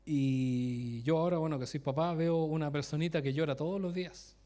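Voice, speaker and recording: Male preacher, slightly high voice, casual sermon delivery full of restarts and questions to the congregation. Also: fairly even intonation, moderate pace, dark tone. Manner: informal, self-interrupting, laughs at his own stories; asks the congregation direct questions. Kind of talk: conversational sermon with personal stories.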